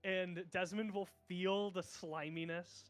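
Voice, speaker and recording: A high-voiced man runs a tabletop game session, rambling through the scene and breaking into laughs. Soft background music plays under his narration. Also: fairly even intonation, slow. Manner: laughing often, loose and rambling. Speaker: game master.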